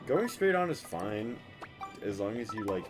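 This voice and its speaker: A man's voice: lowish voice, sing-song, measured pace, over loud music. A man doing loose, goofy commentary on a video game tournament, laughing and riffing with friends. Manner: goofy, laughs often, riffs on jokes. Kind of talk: casual joking commentary.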